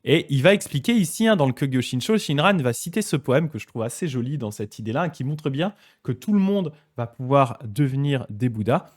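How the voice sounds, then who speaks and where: A man leading a casual live-streamed study session as a Buddhist teacher. He talks in a relaxed, explanatory way with frequent hesitations, and he reads passages aloud slowly before commenting on them. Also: mid-range voice.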